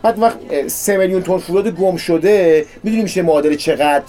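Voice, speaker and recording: A man's voice: high-pitched, warm tone, faint music behind. A man in his thirties acting in a comedy sketch, whiny and self-pitying, going on with long complaints.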